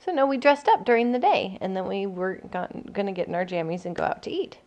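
A woman's voice: medium pitch, very animated, fairly quick, a little mellow, lo-fi sound. A woman in her thirties chatting with her husband and chiming in playfully on a shared story. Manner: chatty, giggly interjections. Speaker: co-host, wife. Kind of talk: casual chat.

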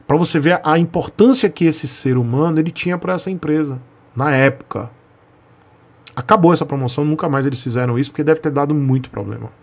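A man's voice: on the high side, brisk. A man in his forties with a Brazilian Portuguese accent, hosting his channel and telling a story to camera in an emphatic, repetitive way that speaks straight to his viewers. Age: 40s. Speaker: channel host.

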